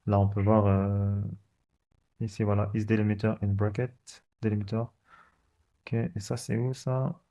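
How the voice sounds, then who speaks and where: In a casual screen-recorded coding walkthrough, a channel host thinks aloud about his code with many fillers and restarts. His voice is on the low side and dark, with a level tone and a slightly slow pace.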